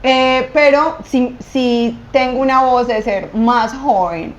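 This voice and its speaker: A woman's voice: sits high, slow, slight background noise. A woman co-hosting a podcast, chatting in a self-mocking way about her young-sounding voice. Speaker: podcast co-host. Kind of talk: casual chat. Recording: roomy dull podcast audio.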